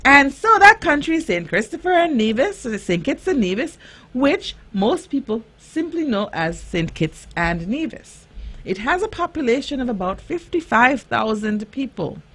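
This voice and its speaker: Woman, children's show host, higher-pitched voice, lively intonation, simple explanations, quizzing young listeners. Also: moderate pace, husky. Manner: explains simply in short phrases with check-in questions.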